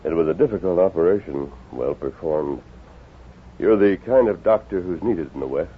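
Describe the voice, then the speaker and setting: A crackly, phone-thin 1950s radio recording of a noble masked lawman. His voice sits on the low side, and he speaks with crisp, commanding authority as a western hero. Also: expressive, moderate pace, narrow, tinny audio. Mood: calm, approving.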